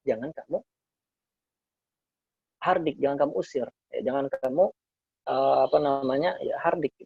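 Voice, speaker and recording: A man's voice: medium pitch, normal speed, gravelly, breathy edge, no room sound. A man teaching a casual Quran study session, explaining Arabic verses phrase by phrase and repeating key words to listeners he treats as friends. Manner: addresses listeners as friends, relaxed and conversational. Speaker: Islamic teacher. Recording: slightly dull lo-fi recording.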